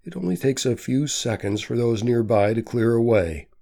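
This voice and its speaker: A man reading a story aloud as an audiobook narrator, in a measured, steady manner. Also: medium pitch, gravelly. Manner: slow, measured reading with quietly voiced quotes. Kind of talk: scripted narration.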